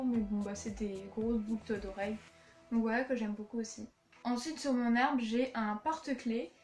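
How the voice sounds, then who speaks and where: Casting: young woman, fairly high voice, rambling home vlog, echoey room, soft music under. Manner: chatty, with many fillers and restarts. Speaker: vlogger showing her collection. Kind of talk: casual chat. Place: her room at home, indoors.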